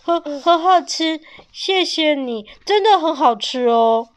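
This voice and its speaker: A gruff, stammering tyrannosaurus dad, played by a woman reading aloud, loud and blustery yet tender underneath. Her voice stays fairly high even while booming, fitting a picture-book tale. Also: unhurried, natural voice. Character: gruff but tender male tyrannosaurus father.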